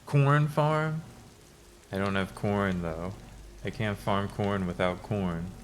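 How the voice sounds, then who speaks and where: A man's voice: low-pitched, flat delivery, measured pace. A man giving casual, laid-back gameplay commentary, musing aloud as he plays. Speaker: gamer doing a playthrough. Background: game music.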